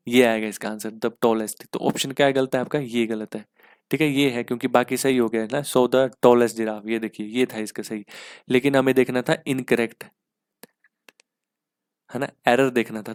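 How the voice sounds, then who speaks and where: A man teaching English for an exam in a mix, explaining step by step with rhetorical questions and spelling words out slowly. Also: mid-range voice, steady tone, smooth. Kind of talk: exam-prep lesson in Hindi-English mix.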